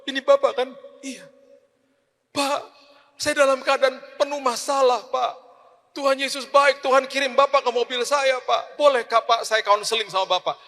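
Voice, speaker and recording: A man voicing an overjoyed male ride-hail driver near tears, high and pleading, calling him "sir" over and over. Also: completely flat delivery, quick pace, few pauses, bright, forceful tone, long reverb tail, full character voice. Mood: tearful pleading. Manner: high, breathless, pleading with repeated "Pak".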